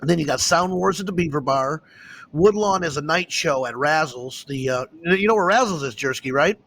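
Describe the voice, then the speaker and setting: A man hosting a casual talk show, chatting and telling stories in an excitable, animated way. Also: on the high side, moderate pace, a little hiss or hum. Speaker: host. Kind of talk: casual chat.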